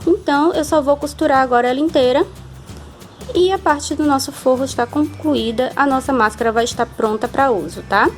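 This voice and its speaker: High-voiced Brazilian woman teaching sewing. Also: brisk, soft background music. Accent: Brazilian Portuguese. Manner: patient, step-by-step, frequent "tá?" checks. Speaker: craft teacher. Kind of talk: hands-on sewing tutorial.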